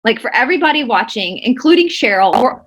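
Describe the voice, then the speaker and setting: Animated Southern woman hosting, higher voice. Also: quick pace, low-quality recording. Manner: animated, laughing, folksy with y'all. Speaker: interview host. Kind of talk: casual interview chat.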